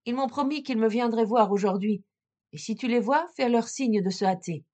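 A woman voicing a frightened young wife, pleading in high, slow, drawn-out calls in a storybook reading. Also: darkish tone, natural voice.

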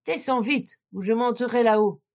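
A woman voicing Bluebeard, a cruel, menacing nobleman, giving loud commanding threats in a storybook reading. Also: medium pitch, expressive, normal speed, natural voice.

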